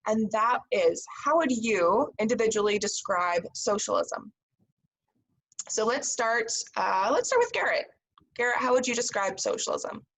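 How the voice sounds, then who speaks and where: A woman's voice: a little high, lively intonation, a little slow, fairly bright tone, rough recording. Upbeat Canadian woman moderating a panel. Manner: upbeat, encouraging. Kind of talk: panel discussion on a video call.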